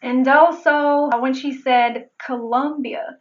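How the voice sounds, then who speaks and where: Slow, high-voiced woman accent coach. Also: fairly even intonation, dull audio. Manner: slow, deliberate, repeats words to demonstrate sounds. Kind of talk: pronunciation lesson.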